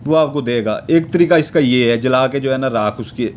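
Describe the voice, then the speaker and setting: A man with a Pakistani Urdu accent calmly teaching how to draw a charm step by step, checking in with a repeated tag after each step. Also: medium pitch, a little hiss or hum. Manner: unhurried, repeats a verbal tic after nearly every step. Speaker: amulet-making teacher. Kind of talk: step-by-step instructional talk.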